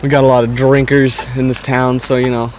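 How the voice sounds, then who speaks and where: A Canadian vlogger chats casually with his viewers, meandering and hesitating through his thoughts at a mid-range pitch. He speaks fairly quickly in a level tone, with faint outdoor noise behind him.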